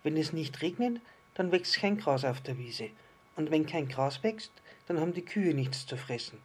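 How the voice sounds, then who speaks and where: A man voicing a patient, kindly island fish who calmly explains things in a storybook reading. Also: a little high, moderate pace, husky, voice pushed up. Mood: explaining. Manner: calm, explaining, gently teasing.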